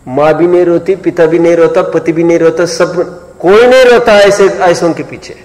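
A man whose voice is fairly high and a little mellow lectures on scripture, sermon-style, to a live audience. Often he breaks off to ask rhetorical questions and see whether listeners are following, and the recording carries the long reverb of an echoey hall.

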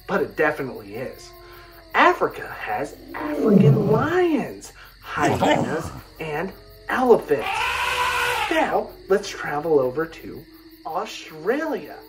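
A woman teaching a lesson for young children, slowly repeating each key word in a sing-song way. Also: low-pitched, wildly swooping pitch, distant mic. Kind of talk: educational lesson for young kids. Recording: music playing behind the voice.

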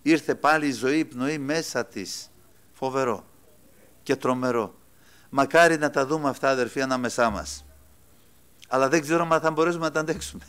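A man preaching a sermon to his congregation, who calls his listeners brothers and swings from loud exclaiming to quiet asides. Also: medium pitch, pauses often, smooth. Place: church.

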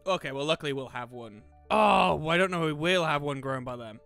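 A man's voice: a little high, expressive, fairly quick, vocal fry, fairly bright tone, faint music behind. A man giving casual let's-play commentary on a farming game, thinking aloud with lots of fillers. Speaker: gaming commentator.

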